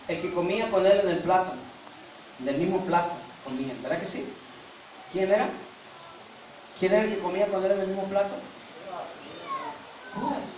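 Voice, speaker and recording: Brief: a male pastor, high voice, dramatic sermon, recorded from afar in a very echoey hall. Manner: dramatic, swinging from loud calls to hushed asides. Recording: very echoey, from a distant mic, faint noise.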